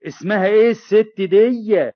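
An actor with an Egyptian accent playing a smooth-talking, mocking swindler in a 1960s radio drama, playing to onlookers. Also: male voice, sits high, normal speed, over music, close to an everyday voice. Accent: Egyptian Arabic. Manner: glib, playing to the crowd. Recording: lo-fi old radio recording.

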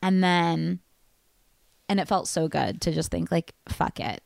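Gravelly low-voiced woman chatting. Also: steady tone, unhurried, darkish tone, no room sound. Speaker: screenwriter and podcast co-host. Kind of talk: casual chat.

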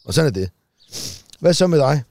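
A man's voice: a little high, big pitch swings, darkish tone, no room sound. A man chatting casually as a podcast co-host, blunt and swearing freely. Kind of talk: casual chat.

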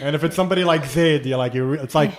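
A man's voice: a little high, racing, crowd noise. A man chatting casually and joking as a podcast co-host, laughing often. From grew up between the Gulf, Jordan and Canada. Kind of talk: casual chat.

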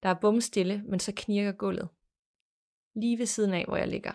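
A woman hosting a podcast, reading a listener's ghost story aloud in a measured, plain storytelling manner. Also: mid-range voice, steady tone, a little mellow. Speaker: podcast host.

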